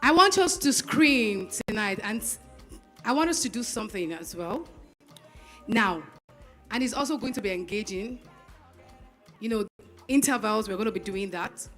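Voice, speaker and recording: A Nigerian woman hosting a public forum as emcee, lively and upbeat, hyping the audience and introducing the next segment. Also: mid-range voice, moderate pace, long pauses, soft background music. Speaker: master of ceremonies. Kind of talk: event hosting. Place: event hall.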